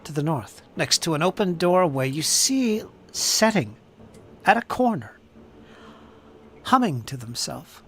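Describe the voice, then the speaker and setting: A man running a tabletop game as game master, narrating scenes in a deliberate, descriptive way with a shifting pace. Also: fairly high pitch, animated, fairly bright tone, slight background noise.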